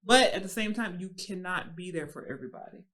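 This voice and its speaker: A woman in her thirties co-hosting a podcast in casual chat, animated and quick to laugh. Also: fairly low pitch. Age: 30s. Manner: animated, laughs often, slips into playful impressions. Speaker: podcast co-host.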